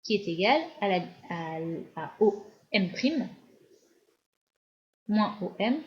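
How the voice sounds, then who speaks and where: A woman physics teacher with a French accent giving a recorded lecture while writing at the board, often pausing and restarting her sentences. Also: mid-range voice, expressive. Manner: explanatory, with frequent hesitations and restarts. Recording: dull lo-fi lecture recording with faint hiss.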